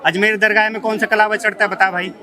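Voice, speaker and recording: A man's voice: high voice, little pitch movement, quick pace, a crowd in the background. A man, a local shopkeeper, challenging others with pointed questions in a heated street debate. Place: outdoor street market.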